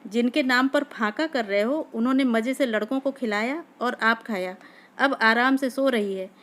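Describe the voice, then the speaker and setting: A sharp-tongued young village wife, as a woman reader puts her on, full of sarcastic taunts. Her voice sits a little high. This is a storybook reading. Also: normal speed, close to an everyday voice. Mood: taunting.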